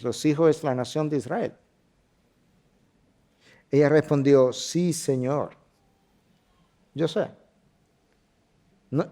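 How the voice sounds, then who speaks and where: A man, a pastor teaching a Bible class, who swings from loud, lifted declarations to hushed lines and acts out the people in the passages he reads. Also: fairly high pitch. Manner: expository preaching with dramatic swings from loud to hushed; voices the Bible characters he quotes.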